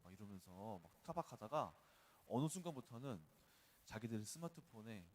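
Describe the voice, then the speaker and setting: Speaking at a normal pace, this pastor has a fairly low, somewhat mellow voice that stays very animated. His early-morning sermon feels like a conversation, full of stories drawn from his own life.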